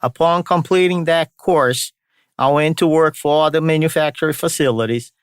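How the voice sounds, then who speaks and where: A man's voice: a little high, moderate pace, clear, resonant tone, dry recording, studio quality. A man from Brazil, a native Portuguese speaker, hosts an informal solo podcast in a mixed Brazilian and Boston accent, dropping his r's. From São Paulo state, Brazil. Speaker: podcast host.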